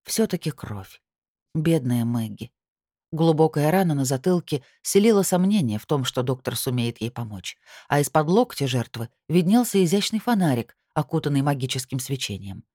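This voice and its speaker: A woman's voice: low voice, sing-song, normal speed, dark tone, no echo, studio quality. A woman narrating an audiobook in the first person, telling the story expressively.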